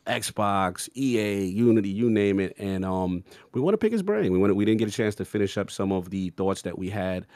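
A man's voice: deep voice, darkish tone, dry recording, clean studio sound. A man guest on a gaming podcast, talking in an upbeat, slangy way. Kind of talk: casual podcast chat.

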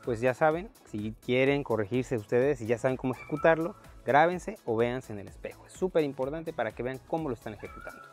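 A man in his thirties hosts a relaxed fitness talk in an outdoor park, his voice mid-pitched and easy. He speaks loosely with fillers, recorded on a lapel mic with faint music underneath. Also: brisk, few pauses. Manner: relaxed, conversational, frequent fillers. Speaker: fitness coach and host. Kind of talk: casual fitness chat. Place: outdoor park workout area.

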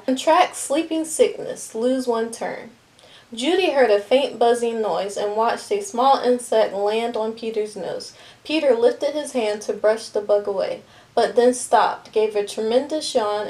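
Lively storybook reader, a woman with a slightly high voice. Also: rough recording. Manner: expressive, lively narration. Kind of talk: children's book read aloud.

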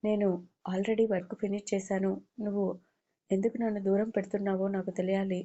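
A woman's voice: mid-range voice, little pitch movement, fairly quick, mellow, highs cut off, close to an everyday voice. A woman voicing a heartbroken young woman. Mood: reproachful. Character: heartbroken young woman confronting her lover.

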